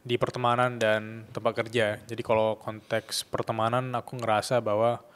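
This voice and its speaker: A man's voice: on the low side, flat delivery, moderate pace, a bit bright, smooth. A young man in his twenties co-hosting a podcast, reflecting casually on his own experience. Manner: reflective, speaks from personal experience. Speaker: podcast co-host.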